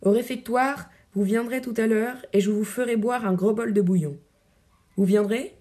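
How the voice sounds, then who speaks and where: A woman voicing a kindly, caring nun who speaks softly and hushed, reading verse drama. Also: on the high side, moderate pace, close to an everyday voice. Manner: soft, hushed.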